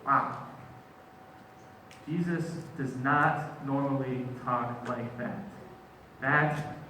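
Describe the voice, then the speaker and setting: A man's voice: medium pitch, steady tone, drawn-out words, pushed and bright, slight background noise. A male pastor giving a sermon, emphatic and conversational, sometimes acting out quoted speech. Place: church sanctuary. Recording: echoey church, mic far off.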